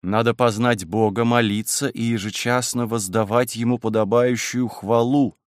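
A grave young priest, as a male reader voices him in an audiobook, solemn and strained as he holds his ground. The voice sits at a middle pitch. It is close and dry. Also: fairly even intonation, moderate pace, clear, resonant tone, no room sound, lightly acted.

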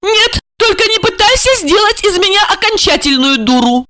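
A woman's voice: very high-pitched, expressive, normal speed, sharp tone, dry recording, clean studio sound, pitched above the performer's own voice, exaggerated voice. A woman voicing a hysterical young wife who screams accusations at her husband in an audiobook. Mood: hysterical fury.

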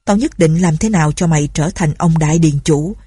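A scheming old former pirate chief in a storybook, bossy and gruff, put on by a woman reader. He speaks in a low, warm, husky voice. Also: brisk, no room sound, clean studio sound. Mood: commanding.

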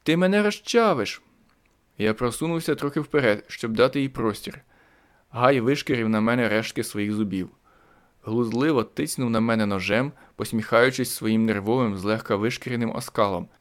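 A man's voice: medium pitch, brisk. A man narrating a first-person thriller audiobook with dramatic tension.

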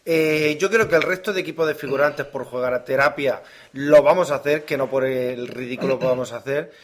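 A man with an accent from Spain, talking casually as a podcast co-host. His delivery is loose and full of jokes, then sincere when he asks listeners to help. His pitch sits right in the middle. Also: fairly quick. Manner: loose, jokey, earnest when appealing to listeners.

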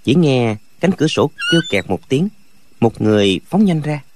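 A man narrating a martial-arts novel as an expressive audiobook reader. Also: mid-range voice, moderate pace, slight background noise. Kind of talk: storytelling narration.

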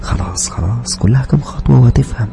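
Man doing an inner voice, stern, taunting, Egyptian accent, half-whispered, soft music behind. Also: mid-range voice, lively intonation, fast talker, creaky, pitched above the performer's own voice. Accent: Egyptian Arabic. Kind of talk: horror story narration.

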